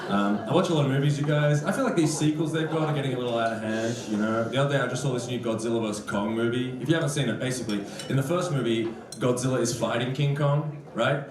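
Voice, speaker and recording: A young man from Sydney, Australia performs a live stand-up set on stage in a comedy club, joking with the audience in a dry, conversational way as the crowd laughs. His medium-pitched voice is fast with few pauses, and the sound is roomy.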